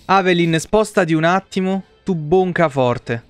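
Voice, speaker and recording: This time the streamer's high voice is unhurried and clean, in a dry recording. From his home setup, he keeps up casual, sweary, frank game commentary for chat over the game's music.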